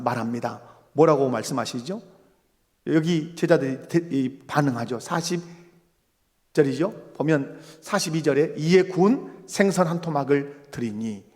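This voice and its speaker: A male pastor preaching a sermon with a high, lively voice that leaps up and down. He keeps asking the congregation questions and acts out the lines he quotes. His voice carries a long reverb from the church hall. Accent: Korean. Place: church sanctuary.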